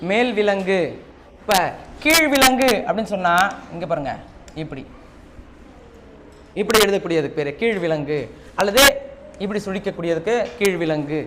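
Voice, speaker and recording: A man's voice: sits high, animated, moderate pace, pauses often. A man teaching a Tamil class with a Tamil Nadu accent, repeating key points and quizzing his students. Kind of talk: classroom lesson. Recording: noisy classroom recording.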